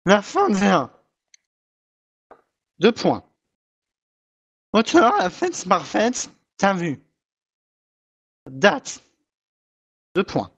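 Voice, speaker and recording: A half-robot voice that a man puts on dictates a text word by word, calling out every comma and line break in a slow, mechanical drone. The pitch still swoops up and down, and the voice has a husky, breathy edge. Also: wildly swooping pitch, fairly bright tone, heavily acted. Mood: deadpan. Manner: reads every punctuation mark aloud in a slow, mechanical dictation. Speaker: YouTuber. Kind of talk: comic mock-dictation reading.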